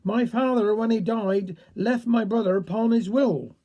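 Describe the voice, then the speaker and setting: A man voicing a muddled, slow-witted Cornish villager who rambles in dialect. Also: high voice, mellow.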